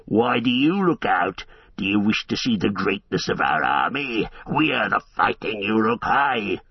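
A man voicing a band of savage orc warriors in a gruff, mocking, taunting way, on a dull lo-fi recording. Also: on the low side, very animated, unhurried, no room sound, recorded from a distance, heavily acted. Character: brutish male orc warriors, jeering, savage.

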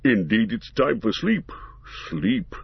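A man voicing a gruff, stout male dwarf warrior who speaks deep, slow and booming. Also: very animated, no room sound, muffled recording, full character voice. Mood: weary.

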